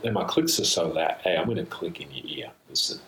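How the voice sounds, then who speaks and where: A man with a deep voice talks to himself as a podcast host, thinking aloud in a loose and playful way. His phrasing is slangy and wandering. The sound is roomy, picked up by a laptop's built-in microphone rather than a proper studio one. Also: lively intonation, fairly quick, fairly bright tone. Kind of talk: rambling, playful solo monologue. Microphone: built-in laptop microphone, mistakenly used instead of studio microphone.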